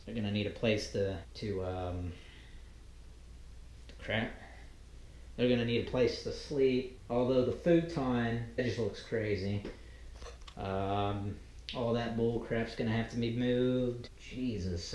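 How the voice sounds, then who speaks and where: A man vlogging casually at home, rambling and thinking out loud in a mildly exasperated, grumbling way. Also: lowish voice, a little hiss or hum. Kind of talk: casual vlog talk to viewers. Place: indoors in a room at home. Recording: roomy, echoing sound.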